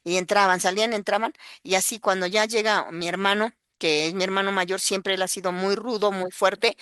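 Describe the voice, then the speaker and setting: A woman's voice: medium pitch, steady tone, normal speed, a bit bright, clear, resonant tone, no echo, studio quality. A woman with a Mexican accent giving an emotional personal testimony, earnest and full of fillers as she tells her story. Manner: earnest, breaks into acted quotes, many fillers.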